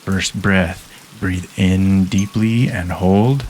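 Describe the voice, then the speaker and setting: A man with a very low voice leads a hypnosis session, speaking soft, calm and unhurried, with long pauses between phrases. Faint rain patters behind him. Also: a little hiss or hum. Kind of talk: guided hypnosis induction.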